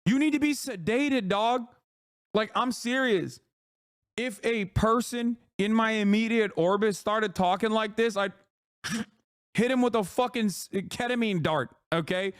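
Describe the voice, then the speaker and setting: A man's voice: sits high, unhurried, smooth, no room sound, clean studio sound. A man streaming casual reaction commentary, emphatic and profane, often laughing as he talks.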